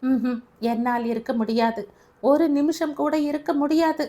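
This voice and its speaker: A woman doing a shrill, wailing old grandmother. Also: steady tone, measured pace, darkish tone. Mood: bitter.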